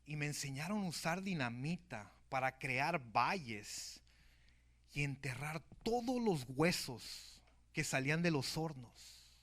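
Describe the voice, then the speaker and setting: A male preacher voicing a broken young man who quietly, slowly pleads while retelling a film scene in a sermon. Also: fairly high pitch, animated. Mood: pleading.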